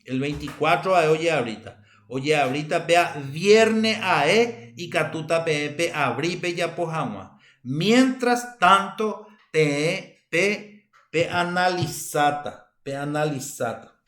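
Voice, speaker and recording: A woman teacher with a Paraguayan accent giving a recorded university lecture, unhurried and halting, often repeating her phrases. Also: low-pitched, lively intonation, fairly bright tone.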